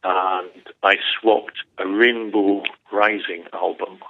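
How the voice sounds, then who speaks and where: An older man with a very low voice and a rough, crackling edge tells a story with a dry sense of humour. He wanders and backtracks as he goes. The sound is narrow and tinny, like a phone line. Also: steady tone, slow. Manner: rambling, self-correcting, wry. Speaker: interview guest. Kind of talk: relaxed anecdotal storytelling.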